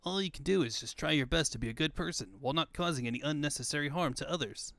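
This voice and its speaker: A man's voice: on the high side, fast, creaky, a bit bright, no room sound. Man voicing Sonic, a cocky young hedgehog. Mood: easygoing, advising. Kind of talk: comic book fandub.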